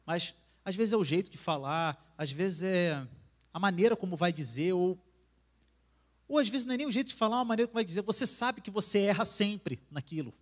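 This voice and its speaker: A man's voice: sits high, animated, fairly quick. Brazilian man preaching casually. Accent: Brazilian Portuguese. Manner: conversational, acts out quarrels, drops to soft intimate tone. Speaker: singer preaching at church. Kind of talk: casual sermon. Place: church.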